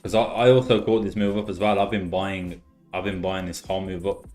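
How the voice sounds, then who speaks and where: A deep-voiced man with a Birmingham accent worn smooth by years abroad talks casually on a live stream. He repeats himself and drops in "like" and "man". Soft music plays faintly behind him. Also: fairly quick. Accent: Birmingham English, softened by years in Australia. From Birmingham, England. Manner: relaxed and chatty, repeats words, says "like" and "man" often. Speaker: live-stream trading host. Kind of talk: casual live-stream chat and chart commentary.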